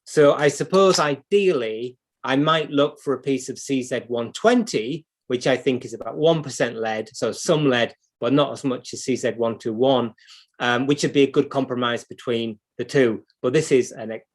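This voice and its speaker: With a mid-range voice at a moderate pace, the British man, a livestream host who teaches clock repair, talks through an unscripted hands-on repair, explaining and reasoning aloud as he goes.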